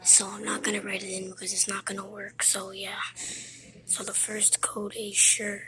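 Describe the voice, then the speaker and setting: A woman whispering quietly through a casual game code walkthrough in a public library, hosting her own gaming channel. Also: mid-range voice, completely flat delivery, normal speed, rough recording. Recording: library crowd murmur behind. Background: people murmuring nearby.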